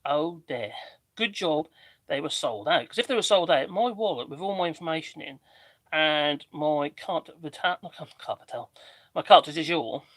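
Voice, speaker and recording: A man with a slightly mixed Norfolk English accent and a squeaky voice, chatting casually and ramblingly as he hosts a livestream. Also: moderate pace, fairly bright tone, no echo. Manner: rambling, chatty, self-interrupting. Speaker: livestream host doing DIY work.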